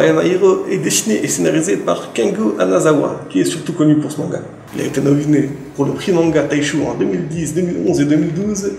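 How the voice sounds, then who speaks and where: A fairly high-pitched man with a gravelly, creaky edge to his voice chats about comics in a casual, joking review. He speaks in an echoey room with faint music under him. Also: a little mellow. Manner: chatty and joking, with frequent restarts. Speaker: library manga reviewer. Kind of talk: casual book review to camera.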